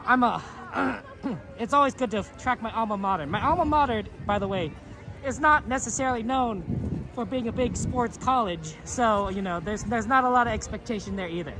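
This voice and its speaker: A man's voice: sits high, animated, a little fast, fairly bright tone. A man hosting a casual live stream outdoors at a theme park, chatting in a rambling way with lots of fillers and restarts as he reads chat aloud. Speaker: livestream host. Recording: crowd noise around the speaker. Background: park crowd.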